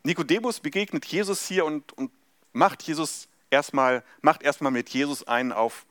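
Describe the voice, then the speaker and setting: A man's voice: a little high, normal speed, a bit bright, no echo. Conversational male preacher, dry close sound. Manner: conversational, addresses congregation directly, some fillers. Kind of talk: sermon with Bible reading.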